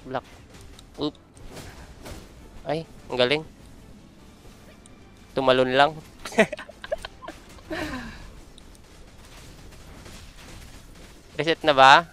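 A man's voice: mid-range voice, bright, forceful tone. A man with a Filipino accent doing live gameplay commentary, full of playful trash talk as he plays. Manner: playful trash talk, mixing Tagalog and English. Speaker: game streamer.

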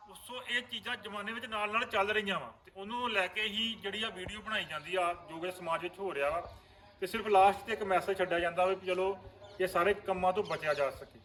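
A man's voice: sits high, fairly bright tone, a little hiss or hum. A man, an actor in a vlog series, earnestly explaining roles to viewers. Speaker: vlogger and actor. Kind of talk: casual chat.

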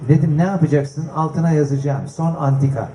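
A man's voice: on the high side, fairly even intonation, fairly quick, warm tone. Older chatty man in an echoey space. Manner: chatty, jokey storytelling. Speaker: guest speaker and collector. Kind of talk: casual anecdotal speech to an audience. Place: festival stage before an audience. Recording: echoey live event sound.

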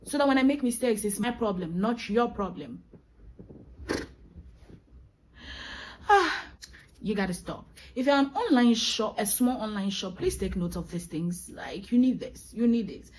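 Exasperated young woman ranting, slightly husky. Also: mid-range voice, lively intonation, measured pace, pauses often, poor audio. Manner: exasperated, emphatic, repeats phrases for effect. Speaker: vlogger. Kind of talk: ranting vlog monologue.

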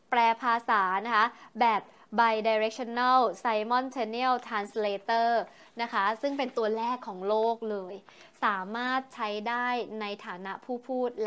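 A woman with a slightly high voice talks through a new gadget in a loose, chatty way. She keeps adding polite particles and breaks off now and then with delighted exclamations. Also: fairly even intonation, slow, fairly bright tone, clear, resonant tone. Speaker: tech news presenter. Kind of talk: casual tech product talk.

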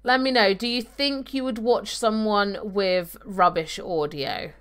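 Speaking a little slowly, the young woman has a medium-pitched voice that is clear and resonant. She streams a game from home on webcam, chatting and reading viewers' comments aloud into her desk mic.

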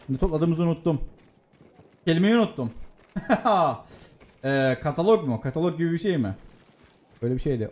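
A young man casually commenting on his own gameplay, excitable and talking to himself with frequent exclamations. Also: fairly high pitch.

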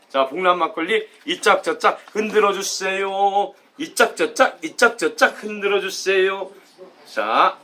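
High-voiced chatty cooking man. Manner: chatty, repeats "예" and "입장" as catchphrases; loud excited outbursts when tasting. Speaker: cooking YouTuber. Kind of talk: casual cooking demo and drinking vlog.

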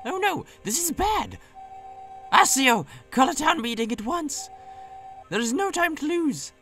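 A man voicing a fussy, excitable old male owl professor in a game playthrough, speaking high and urgently. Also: measured pace, faint music behind, exaggerated voice.

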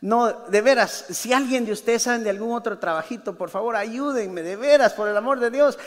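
A man's voice: very high voice, moderate pace, long reverb tail. A man putting on a tearful, whining worn-out apostle. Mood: whiny pleading. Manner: tearful, pleading complaint.

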